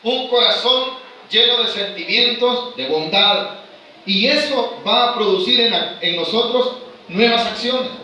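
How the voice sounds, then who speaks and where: A man leading a church Bible study, asking his listeners questions and reading verses slowly aloud. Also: sits high, sharp tone, recorded from a distance, slight background noise. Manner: asks the congregation rhetorical questions, slows to read verses aloud. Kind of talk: sermon-style Bible study. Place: church hall. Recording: very echoey church hall, voice off-mic.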